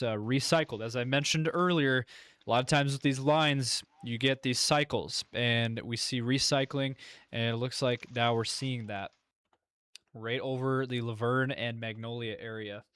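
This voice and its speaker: A man's voice: medium pitch, fairly bright tone, clear, resonant tone, no echo. A man hosting live severe weather coverage, commenting with concern and repeating key points. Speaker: severe weather livestream host.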